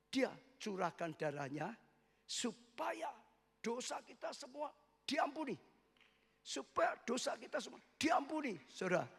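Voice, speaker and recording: A man pastor preaching an impassioned sermon to his congregation, rising often to loud cries. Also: gravelly, slightly rough. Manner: impassioned, swells to loud high cries, keeps addressing the congregation. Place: church worship service. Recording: long reverb of a church hall.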